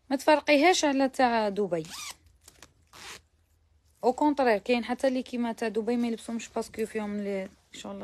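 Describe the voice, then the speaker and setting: This woman's voice sits a little high and has a darkish tone. Speaking with an Algerian Arabic accent, she walks viewers through abayas in a live shopping try-on, chatting away, compliments for every garment, French words mixed in, occasionally sinking to a near whisper.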